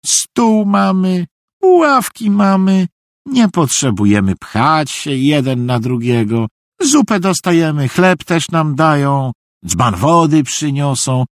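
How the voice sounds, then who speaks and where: Švejk, a man doing a high, naive, obliging soldier. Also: no room sound, clean studio sound, full character voice. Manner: naive, earnestly obliging, rambling. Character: cheerful simple-minded middle-aged male soldier, earnest.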